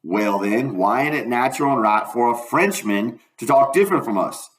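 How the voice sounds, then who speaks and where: A man's voice: medium pitch, lively intonation, moderate pace, pitched above the performer's own voice, lightly acted. Man reading as Huck, plainspoken country boy, echoey. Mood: patient persuading. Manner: plain, colloquial, explaining. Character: plainspoken country boy Huck, patient, matter-of-fact explainer. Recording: roomy, echoing room.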